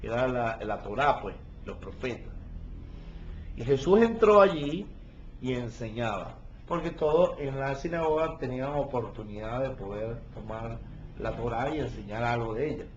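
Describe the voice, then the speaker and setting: A man's voice: mid-range voice, expressive, normal speed, slight background noise. A male pastor teaching a Bible study verse by verse, stopping often to check that his listeners follow. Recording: dull lo-fi recording with faint ambience.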